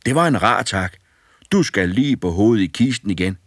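A man voicing a fearless, cheeky boy in an audiobook fairy tale, bright and eager. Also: lowish voice, lively intonation, no room sound, clean studio sound, voice pushed up. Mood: cocky. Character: fearless, cheeky young boy who cannot feel fear.

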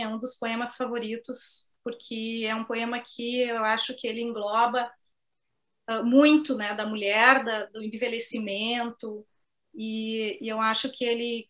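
Gaúcha poet on a video call. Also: female voice, a little high, fairly bright tone. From southern Brazil. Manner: chatty, sprinkles tag questions, reads poems slowly. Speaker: poet and author. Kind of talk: book launch talk and poetry reading. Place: home office on a video call.

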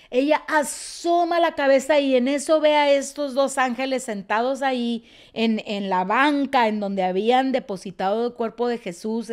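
A woman teaching a Bible story, telling it expressively and often dropping to a soft, quiet tone. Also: high voice, clear, resonant tone. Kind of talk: teaching sermon.

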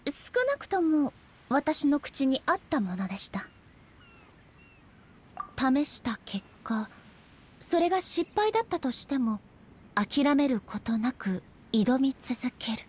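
A woman playing a regal, solemn female shogun and swordswoman in a game, speaking formally and with measured stateliness. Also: sits high, sing-song, darkish tone, husky, exaggerated voice. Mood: earnest, thoughtful. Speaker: voice actor. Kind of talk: Japanese anime-style game character voice lines.

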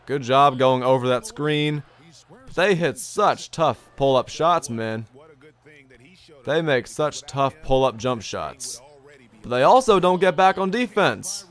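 A young adult gaming streamer live-streams a basketball video game from his indoor bedroom setup. His voice runs on the high side and sounds a little strained from long hours on stream. He's upbeat and chatty, repeating his own phrases as he reads his chat.

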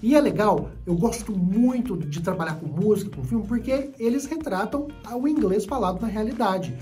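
A woman's voice: medium pitch, expressive, moderate pace, mellow, soft background music. A Brazilian woman teaching English whose first language is Portuguese, explaining at length with many repetitions and restarts. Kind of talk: online English lesson.

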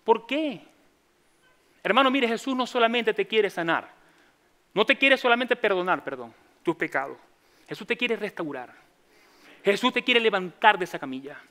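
A Venezuelan man preaching with a high, bright, ringing voice. He tells his story in lively bursts, slipping into the voices of the people he quotes, with touches of humor. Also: moderate pace, pauses often. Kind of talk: sermon.

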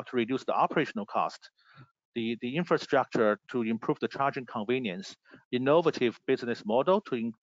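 Halting man presenting, dry dull audio. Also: mid-range voice, dry recording. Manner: halting, non-fluent English. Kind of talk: slide presentation. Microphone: video call.

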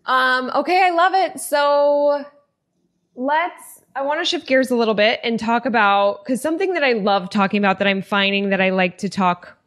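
A woman's voice: fairly high pitch, moderate pace, fairly bright tone. Enthusiastic woman podcast host. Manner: enthusiastic, affirming. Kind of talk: casual interview.

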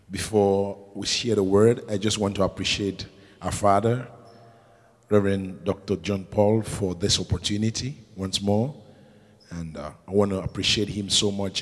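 Fervent pastor man praying in a reverberant hall. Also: fairly low pitch. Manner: builds from calm greeting to fervent, shouted prayer. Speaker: guest pastor. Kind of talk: sermon prayer. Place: large church stage. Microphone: handheld mic. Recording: reverberant church hall with soft music.

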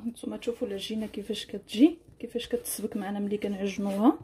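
A woman's voice: medium pitch, fairly even intonation, rapid-fire, background noise. A woman with a Moroccan accent narrating a casual cooking tutorial as a home cook, explaining and rephrasing each instruction. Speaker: home cook presenting a recipe.

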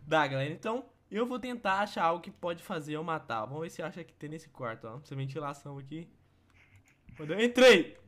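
This is a young man with a Brazilian Portuguese accent, excitedly commentating as he plays a game with a friend. His voice sits high and bright and leaps around in pitch, often tipping into shrieking laughter. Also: fairly quick. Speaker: gaming video host.

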